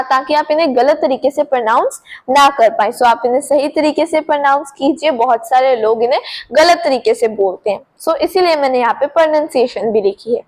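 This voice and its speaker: A woman teaching English vocabulary in a lesson, mixing in Hindi and repeating each word slowly for pronunciation. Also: high voice, low-quality recording. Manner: mixes Hindi with English words.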